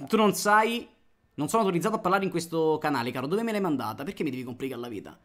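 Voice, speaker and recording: A man's voice: fairly high pitch, expressive, rapid-fire, a bit bright. A man streaming live at his computer, thanking viewers one by one and chatting as he plays.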